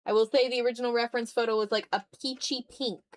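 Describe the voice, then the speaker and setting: Speaking quickly in a slightly high voice with fairly even intonation, the woman streams herself drawing. Her banter is loose and slangy, shifting between self-talk and remarks for viewers.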